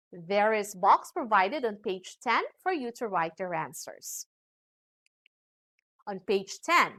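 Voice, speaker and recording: A woman's voice: on the high side, a bit bright. A woman teacher, giving a scripted virtual lesson in an upbeat way and stressing key words in a sing-song manner. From Philippines. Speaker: English teacher.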